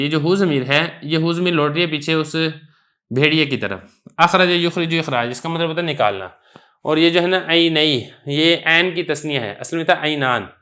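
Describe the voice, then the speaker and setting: A man's voice: fairly high pitch, a bit bright. A man teaching a lesson, patiently explaining an Arabic story line by line and asking himself questions as he goes.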